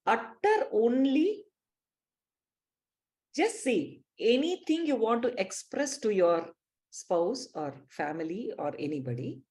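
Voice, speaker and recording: Slow, emphatic Indian-accented woman teacher. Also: fairly high pitch, very animated, warm tone. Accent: Indian English. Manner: slow, emphatic, teacherly, addresses listeners directly. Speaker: spiritual teacher. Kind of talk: live online spiritual class.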